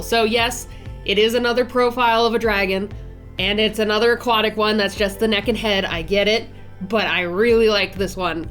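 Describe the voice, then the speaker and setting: An art channel host in her twenties narrates a casual art vlog about her drawing process, her medium-pitched, fairly bright voice stuffy and nasal from a head cold. She keeps things chatty and upbeat, with plenty of fillers and restarts along the way.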